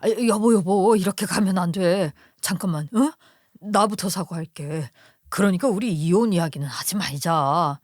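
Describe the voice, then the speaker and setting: A woman's voice: lowish voice, moderate pace, darkish tone, no room sound, studio quality, pitched below the performer's own voice, natural voice. A woman voicing a desperate husband who pleads frantically in a story radio drama. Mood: frantic.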